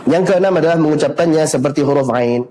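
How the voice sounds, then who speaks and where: A man teaching Quran recitation rules online, asking questions and answering them himself, with slow drawn-out recited examples. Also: fairly high pitch, dark tone, a little hiss or hum, poor audio.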